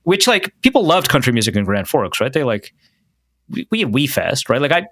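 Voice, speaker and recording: A man's voice: mid-range voice, big pitch swings, fairly quick, a bit bright, no room sound, clean studio sound. A man with a Midwestern accent chatting casually as a podcast host, rambling with lots of fillers and restarts. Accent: Midwestern American.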